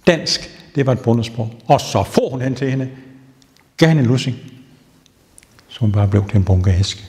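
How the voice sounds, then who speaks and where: A male castle tour guide telling ghost stories to visitors as a lively storyteller who builds suspense. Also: medium pitch. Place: castle rooms and wine cellar, indoors. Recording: long reverb in a stone castle room.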